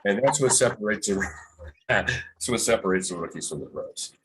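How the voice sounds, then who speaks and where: A man's voice: fairly low pitch, expressive, normal speed, fairly bright tone, slightly rough, poor audio. A middle-aged man, a veteran radio broadcaster, giving advice in an interview and telling stories with quoted voices. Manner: storytelling, acts out quoted voices. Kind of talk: reflective interview talk.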